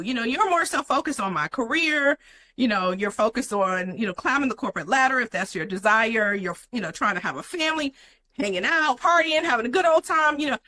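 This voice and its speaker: A woman's voice: a little high, sharp tone, poor audio. A young adult woman, a guest in an interview, telling her personal story in an earnest way with many "you know" fillers.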